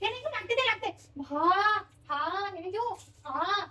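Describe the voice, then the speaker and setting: A woman with a very high, bright voice talks casually at home for a family vlog. She coaxes and teases her small child in a playful sing-song, with lots of repetition. It sounds like an ordinary home kitchen. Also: animated, unhurried. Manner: coaxing, playful sing-song talk to a toddler. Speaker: mother.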